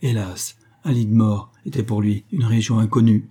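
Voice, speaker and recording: A man giving a measured scripted narration of a classic novel as an audiobook narrator. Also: fairly low pitch, fairly even intonation, warm tone, slightly rough. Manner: measured, literary reading.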